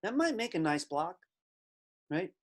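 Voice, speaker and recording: Lively middle-aged male teacher. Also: high-pitched, measured pace. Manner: conversational, reflective, emphatic on key words. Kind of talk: recorded class lecture.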